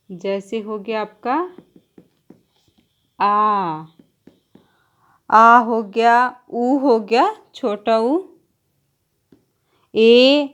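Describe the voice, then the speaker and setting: Slow, deliberate woman teacher. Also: a little high, darkish tone. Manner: slow, deliberate explaining, drawing out example sounds; writes on a board while teaching. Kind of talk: exam-prep grammar lesson.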